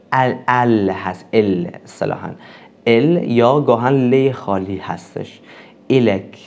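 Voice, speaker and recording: A man teaching a recorded language lesson, explaining patiently and saying each example word slowly, often twice. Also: medium pitch, a little mellow. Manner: repeats example phrases twice.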